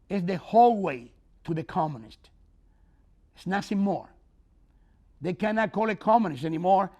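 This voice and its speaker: An older man with a high voice delivers an author's closing speech to an audience. His tone is earnest and preaching, his phrasing simple, and his volume swings widely between loud and soft.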